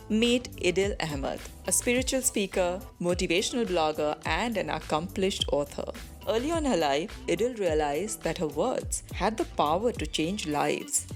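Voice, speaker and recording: A woman's voice: lowish voice, darkish tone. A woman hosting a talk show interview, eager and gushing, murmuring agreement as her guest speaks.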